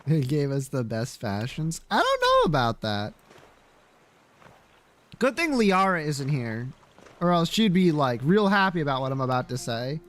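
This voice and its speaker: A man livestreams a video game, chatting casually and bluntly with viewers and reacting to them in slangy, sweary, playfully opinionated talk. His voice is on the high side with wildly swooping pitch, an unhurried pace, and a fairly bright tone.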